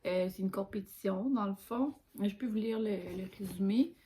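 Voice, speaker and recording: A young woman with a Québécois French accent, talking to her viewers as a book vlogger. Her delivery is casual, chatty and informal, with loose, colloquial phrasing, and her voice sits at a middle pitch for a woman. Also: moderate pace, mellow. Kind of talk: casual chat about books.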